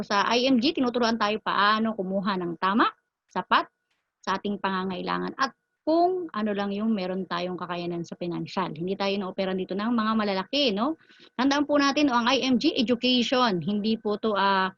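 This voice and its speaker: Filipino woman, mid pitch, lively seminar educator, dry slightly muffled recording. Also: no echo. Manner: animated, asks and answers her own questions. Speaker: financial educator. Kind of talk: seminar talk on health plans.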